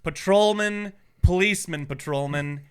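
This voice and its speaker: A man co-hosting a podcast, telling a rambling story in a casual, animated way with a lot of swearing. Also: sits high, measured pace, smooth. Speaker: podcast co-host.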